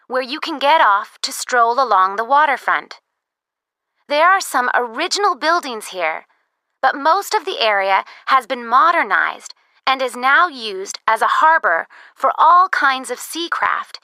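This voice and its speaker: An actress voicing a recorded phone information message, in a clear, measured, scripted delivery for a listening test. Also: female voice, fairly high pitch, pushed and bright, no echo, exaggerated voice.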